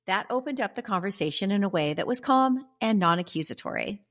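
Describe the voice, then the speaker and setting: A woman hosting a self-help podcast, coaching listeners warmly and repeating affirmations slowly and deliberately. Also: medium pitch, lively intonation. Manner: reads prompts and affirmations twice, slow and deliberate; warm encouraging coaching tone, bursts of sassy emphasis. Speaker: podcast host.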